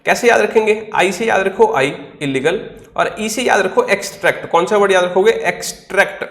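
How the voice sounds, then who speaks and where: A high-voiced man speaks at normal speed with a fairly bright tone, his words echoing around the room. He's giving an online English vocabulary class in Hindi, explaining methodically, spelling words letter by letter and answering questions he poses himself.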